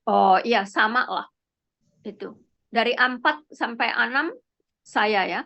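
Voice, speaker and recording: A woman leading an online prayer meeting on a video call, calling on each person gently by name. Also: fairly high pitch, animated, slow pace, vocal fry.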